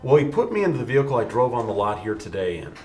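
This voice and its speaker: A man's voice: medium pitch, sing-song, rapid-fire, a little mellow, close to an everyday voice. A man playing an everyday husband and car buyer with bad credit in an infomercial. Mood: earnest. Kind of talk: infomercial testimonial acting. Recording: roomy echo, faint music behind.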